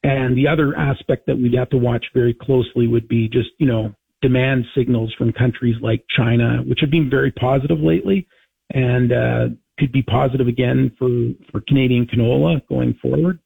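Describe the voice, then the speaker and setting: A man speaking off the cuff as a market analyst, explaining in a halting, careful way. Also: mid-range voice, fairly even intonation, gravelly, dark tone, slightly rough, no room sound. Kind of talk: off-the-cuff interview commentary. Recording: dull band-limited interview clip.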